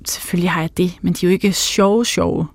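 A woman voicing a calm, slightly condescending man. He speaks in a dry, teasing, unruffled way. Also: fairly low pitch, creaky, no echo. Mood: placating.

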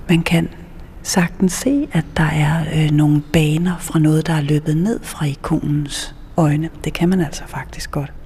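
A woman host narrating in a hushed half-whisper inside a church. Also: low voice, a little hiss or hum.

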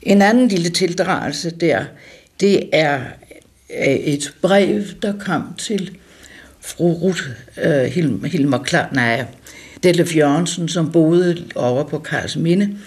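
An older woman reminiscing about her childhood, pausing and correcting herself as she talks. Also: sits low, darkish tone, breathy edge. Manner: halting, correcting herself mid-sentence. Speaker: storyteller recalling childhood. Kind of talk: casual reminiscing.

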